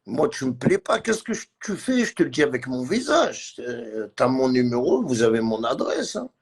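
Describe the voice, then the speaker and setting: A man's voice: mid-range voice, sing-song, normal speed, husky. A man on a live stream, ranting in a heated, repetitive way and mixing in words from other languages. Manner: agitated, repetitive, mixes French with Arabic and Kabyle. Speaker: livestreamer.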